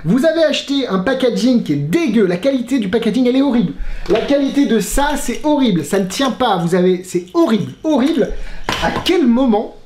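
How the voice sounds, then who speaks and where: Exasperated man with lively pitch. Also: a little fast, slight background noise. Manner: exasperated, animated, swearing, laughing. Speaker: magic trick reviewer. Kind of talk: casual spoken review. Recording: roomy echo.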